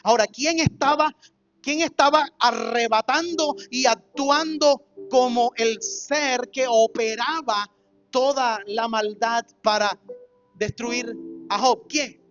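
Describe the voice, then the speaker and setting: A man's voice: very high-pitched, slow pace, a bit bright. A male pastor delivers an expository sermon, pressing his points with rhetorical questions. The recording sounds dull and lo-fi, with faint music underneath. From Colombia. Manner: emphatic, rhetorical questions to the congregation.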